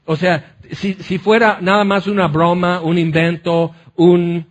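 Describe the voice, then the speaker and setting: A man preaching a sermon, telling the story in a lively way that often slips into acted voices. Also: high-pitched, unhurried, a little hiss or hum. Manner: animated storytelling, acts out voices. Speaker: pastor.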